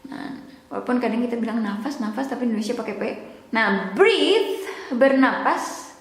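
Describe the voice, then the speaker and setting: A young woman giving a casual language lesson, explaining slowly, repeating words and joking now and then. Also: a little high, fairly even intonation. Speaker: English teacher. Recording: echoey room with long reverb.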